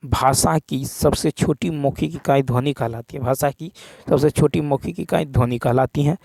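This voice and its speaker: A man teaching an exam practice lesson, reading out questions and answers and repeating each key point slowly. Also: mid-range voice, vocal fry, darkish tone, no room sound.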